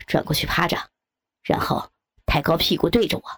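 A woman voicing a group of crude, boastful young men in a low, gruff put-on voice. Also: normal speed, dry recording, studio quality. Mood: leering.

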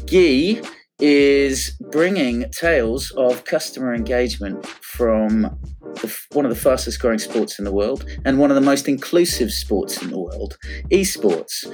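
A man hosting an interview podcast, his voice sitting at an ordinary middle pitch. He talks in a friendly, self-deprecating way and often starts sentences over. Faint music plays quietly behind him. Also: expressive, a little slow. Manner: friendly, self-deprecating, with frequent restarts and fillers. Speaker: podcast host.

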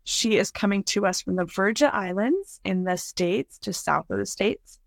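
A woman's voice: medium pitch, lively intonation, moderate pace, creaky, no room sound. A woman hosting a podcast interview, asking friendly, eager questions. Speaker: podcast host.

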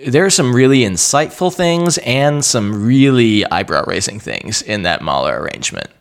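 A man's voice: medium pitch, sing-song, normal speed, gravelly. A man talking as a podcast guest in casual chat, rambling with many restarts.

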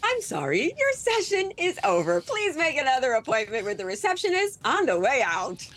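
A woman reading the Grinch, a grouchy, scheming male creature, in a comedic table read, sneering and jumping between mutters and shouts. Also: sits high, huge pitch swings, normal speed, voice pushed up, exaggerated voice. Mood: dismissive.

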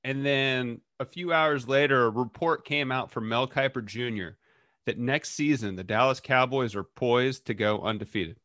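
A man hosting a casual sports chat, relaxed and joking, telling his own football stories. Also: mid-range voice, moderate pace, no echo, clean studio sound. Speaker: host.

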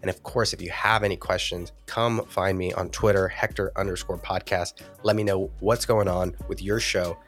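A man's voice: deep voice, steady tone, moderate pace, hardly any pauses, soft background music. A man hosting a solo podcast, talking with a stuffy, nasal voice while giving earnest coaching advice. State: congested, nasal. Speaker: podcast host.

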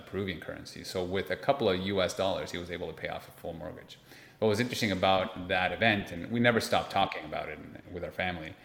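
A man in his forties from Lima, Peru, works as an investment manager and is interviewed as a guest, chatting through personal stories. His voice is low and a bit bright, and the audio has a roomy, echoey character.

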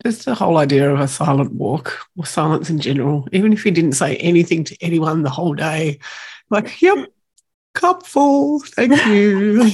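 A woman in her thirties with an Australian accent, co-hosting a podcast in relaxed, soft-spoken casual chat. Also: sits low, fairly quick, husky. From Tasmania. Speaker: podcast co-host.

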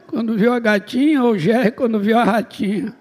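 A man's voice: high-pitched, normal speed. A man, a missionary preacher telling a humorous testimony and acting out the dialogue.

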